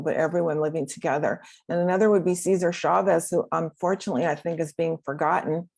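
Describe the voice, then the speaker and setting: A woman's voice: on the low side, darkish tone. A middle-aged woman, a therapist, speaking earnestly and reflectively to a workshop audience of men, with frequent restarts.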